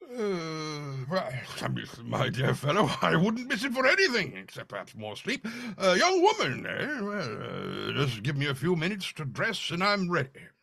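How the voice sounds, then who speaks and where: Doctor Watson, a gravelly, sputtering gentleman. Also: a little high, huge pitch swings, moderate pace, few pauses, no echo, full character voice. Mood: sleepy, flustered. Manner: sputtering, blustery, hesitant. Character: flustered, kindly gentleman doctor, the detective's loyal friend. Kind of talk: cold-read live old-time radio drama acting.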